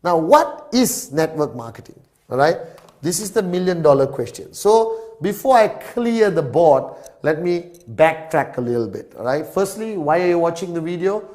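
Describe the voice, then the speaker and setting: A man's voice: fairly high pitch, animated, moderate pace, a little mellow. Emphatic man lecturing. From Malaysia. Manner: emphatic, punctuates every point with "all right?". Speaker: business presenter. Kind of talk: whiteboard business lecture.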